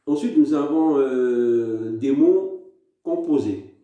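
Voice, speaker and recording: A man's voice: mid-range voice, warm tone, lo-fi sound. A man from French Polynesia hosting a casual language lesson, explaining words one at a time with frequent hesitations. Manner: slow word-by-word explanations with hesitations. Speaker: language channel host. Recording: very echoey room.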